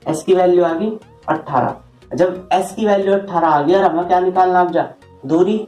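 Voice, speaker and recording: A man with a high, mellow voice and fairly even intonation teaches a board lesson on math shortcuts at normal speed. The sound is roomy, with faint music in the background. He keeps it informal, posing rhetorical questions to students at every step.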